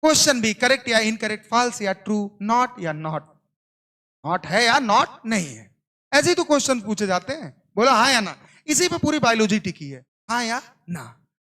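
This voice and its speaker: Guy teaching a class, bright punchy voice, always asking haan ya na. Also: very high voice, very animated, normal speed. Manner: call-and-response questioning; playful scolding. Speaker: coaching teacher. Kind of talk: classroom lecture.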